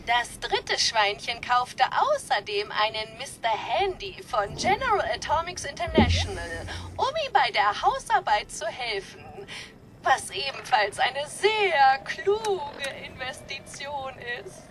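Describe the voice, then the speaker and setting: A woman's voice: sits high, big pitch swings, slow pace, a bit bright, soft background music, heavily acted. A woman voicing a prim female robot nanny with a slight robotic filter, telling a fairy tale sweetly in video game dialogue. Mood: doting storytelling. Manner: sing-song, sweetly doting storyteller.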